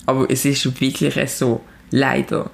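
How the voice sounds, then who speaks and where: Young Swiss woman in her twenties; gravelly, outspoken, animated guest. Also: a bass voice, a little slow. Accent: Swiss German. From Switzerland. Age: 20s. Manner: direct, animated, emphatic. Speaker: musician guest. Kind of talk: casual chat.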